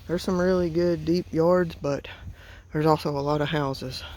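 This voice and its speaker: A woman's voice: low-pitched, fairly even intonation, unhurried, a little mellow, a little hiss or hum. A middle-aged woman with an Appalachian accent, talking hurriedly and emotionally in a casual vlog, out of breath. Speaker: homestead vlogger.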